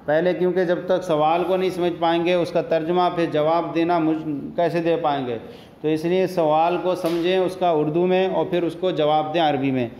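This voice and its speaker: A man's voice: a little high, steady tone, a little mellow, roomy sound, slight background noise. A man teaching an Arabic grammar lesson, repeating each phrase and translating it step by step. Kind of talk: classroom lesson explaining Arabic in Urdu.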